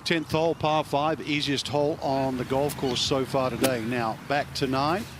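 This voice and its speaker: A man's voice: mid-range voice, steady tone, moderate pace, background noise. A man commentating live on golf as an analyst.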